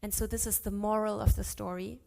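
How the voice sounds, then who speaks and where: A woman teaching a class on Sanskrit scripture, chanting verses slowly and correcting herself aloud as she goes. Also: mid-range voice, little pitch movement, creaky, a little mellow. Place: ashram class.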